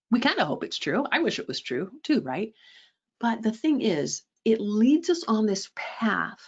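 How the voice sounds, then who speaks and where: A woman's voice: mid-range voice, a little mellow, lo-fi sound. A woman presenting a fundraising webinar, direct and emphatic, often checking in with a rhetorical "right?" and adding sarcastic asides.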